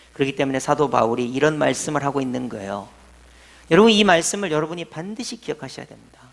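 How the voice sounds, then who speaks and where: Middle-aged male pastor with a slightly high, gravelly voice, preaching with emphatic storytelling. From Jeolla, South Korea. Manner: storytelling, swings between loud emphatic and quiet asides. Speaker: senior pastor. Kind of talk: sermon.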